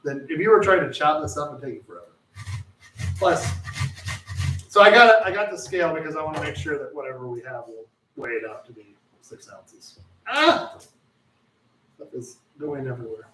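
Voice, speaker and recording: A rambling man hosts a live cooking show from his kitchen, and his voice comes across bright and somewhat pitched up. He keeps correcting himself and cracking jokes as he cooks. The sound is roomy and echoey, since he stands back from the mic. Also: fairly quick, distant mic. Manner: rambling, self-correcting, joking. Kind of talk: casual live cooking chat. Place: home kitchen.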